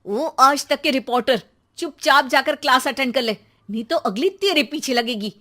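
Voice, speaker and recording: A woman voicing an exasperated, sarcastic Indian mother who nags loudly and dramatically in a children's cartoon story. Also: sits high, normal speed. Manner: sarcastic, loud nagging with dramatic exclamations. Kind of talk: animated children's comedy story.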